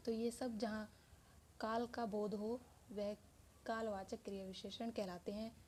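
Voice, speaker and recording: Female teacher, mellow voice, patient step-by-step explaining, faint room hum. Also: mid-range voice, level tone, unhurried. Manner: explains step by step with many examples. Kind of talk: Hindi grammar lesson.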